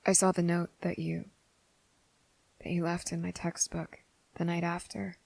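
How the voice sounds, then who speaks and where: Voiced by a woman, a gentle, nervous young male trainee earnestly confesses his feelings to the listener in this ASMR roleplay. Tender and careful, she speaks softly and breathily at a very even pitch, sometimes sliding into a whisper and often stopping mid-sentence out of hesitation. The recording is close and dry, with no echo.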